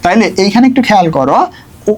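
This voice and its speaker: A man's voice: high-pitched, big pitch swings, fast talker, a little mellow, slight background noise. Chatty male tutor. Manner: chatty, checks in often with rhetorical questions. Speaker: admission test tutor. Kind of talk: exam prep lesson.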